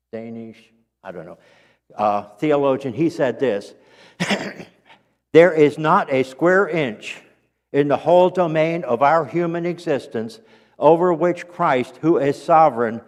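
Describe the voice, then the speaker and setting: Sunday school teacher in a reverberant church. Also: male voice, mid-range voice. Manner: earnest, unhurried, pauses to clear his throat; corrects himself mid-sentence. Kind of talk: church class lesson, reading quotations aloud.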